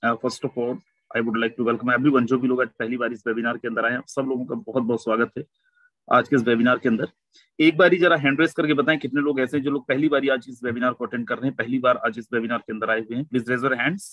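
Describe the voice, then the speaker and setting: A man with an Indian English accent leads a sales webinar, moving freely between Hindi and English and calling his listeners friends. His voice sits at an ordinary middle pitch, and the sound is dry and close with no room echo. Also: steady tone, brisk, a bit bright, highs cut off. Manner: mixes Hindi and English, addresses audience as friends. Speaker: webinar presenter.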